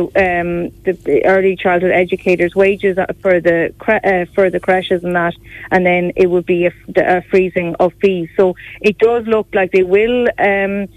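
A woman from Galway in the west of Ireland, an opposition politician, speaks in a fairly low voice during a radio interview about politics. She talks conversationally, dropping in "you know" and "like" often. The recording is dry, with a dull radio quality.

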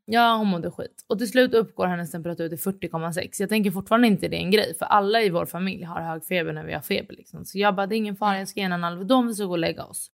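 A woman's voice: medium pitch, creaky, few pauses. A woman in her thirties co-hosting a podcast, telling a story in casual chat, acting out what others said and swearing freely. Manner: animated retelling, acts out dialogue, swears casually. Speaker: podcast co-host.

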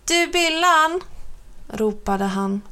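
An eager, bold little boy from a storybook, calling out with high-pitched excitement. A woman reads him aloud. His voice jumps up and gets loud whenever he shouts. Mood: excited. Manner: excited, calls out loudly.

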